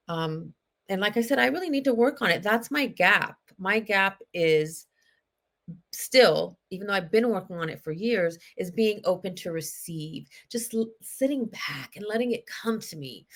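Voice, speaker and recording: A middle-aged woman hosting a solo podcast, talking in an earnest, confessional way with many fillers and restarts. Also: lowish voice. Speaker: podcast host. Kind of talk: reflective solo podcast talk.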